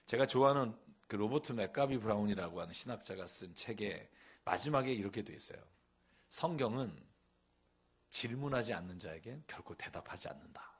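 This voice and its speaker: A middle-aged man preaching a sermon as a pastor, with a husky voice, acting out quoted questions and his daughter's lines. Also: mid-range voice, fairly bright tone. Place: church sanctuary.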